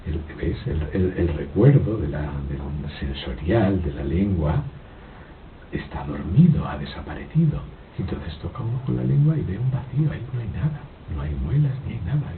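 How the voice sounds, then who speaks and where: A man giving a slow, reflective philosophical talk, halting and repeating his words, with frequent rhetorical questions. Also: big pitch swings, gravelly, distant mic. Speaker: spiritual speaker giving a talk. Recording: old lo-fi tape, phone-like, noisy with rumble.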